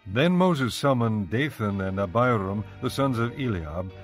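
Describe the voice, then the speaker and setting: A man narrating scripture in an even, measured storytelling manner, with faint music behind. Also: fairly low pitch.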